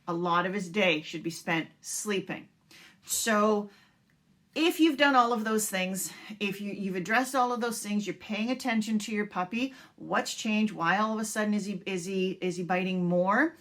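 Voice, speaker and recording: A dog trainer with a medium-pitched, fairly bright voice talks casually to puppy owners, giving instruction in a reassuring way and repeating her points with filler words.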